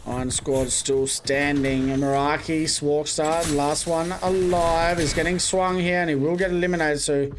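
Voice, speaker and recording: A man's voice: fairly high pitch, steady tone, a little hiss or hum. A young man doing casual live play-by-play commentary on an esports match. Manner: quick, running play-by-play with casual asides. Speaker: esports caster.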